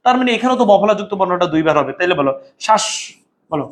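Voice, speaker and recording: A man's voice: high voice, animated, very fast. A man teaching an online exam-prep language class, drilling students with call-and-response repetition and calling them brother. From Bangladesh. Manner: calls listeners "bhaiya". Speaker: Bangla teacher.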